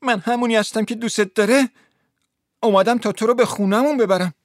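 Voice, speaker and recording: Desperate young woman put on by a male narrator, high falsetto, tearful pleading exclamations, dry close sound. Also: no room sound, close to an everyday voice.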